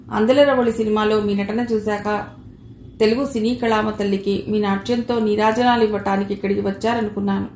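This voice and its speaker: A woman voicing an affectionate young man in an audiobook, reading his lines gently and with feeling. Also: a little high, natural voice. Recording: echoey room with faint noise.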